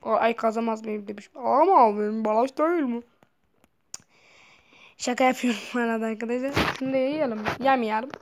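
A woman giving casual Minecraft gameplay commentary, switching from low muttering to loud excited yelps and calling out to the animals and objects in the game. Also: fairly quick.

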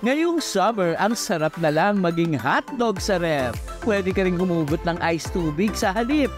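A man's voice: sits high, animated, measured pace. A man narrating a light news feature in a playful, sing-song rhyming style. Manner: playful, rhyming, rhythmic delivery. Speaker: feature reporter. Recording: voice-over with loud background music.

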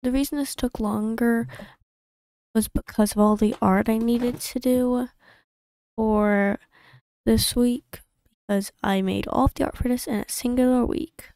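A YouTube creator with a steady, dark, fairly high voice narrates her game playthrough as a casual voice-over from a home desk mic, with no echo. She rambles, corrects herself and throws in quick asides.

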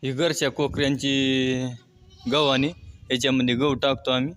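A man's voice: medium pitch, flat delivery, a little fast. A man filming his sheep outdoors near the pen, casually talking viewers through the scene and pointing things out to them. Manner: addresses viewers as friends, keeps pointing things out. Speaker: shepherd vlogger. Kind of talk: casual narration to camera. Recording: loud outdoor noise, bleating sheep. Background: bleating sheep and lambs.

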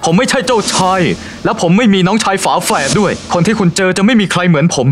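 A man's voice: high voice, animated, quick pace, a bit bright, faint music behind. An actor playing a persistent male con man who poses as a prince, in a dubbed drama. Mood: pressing. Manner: persistent, challenging, pleading.

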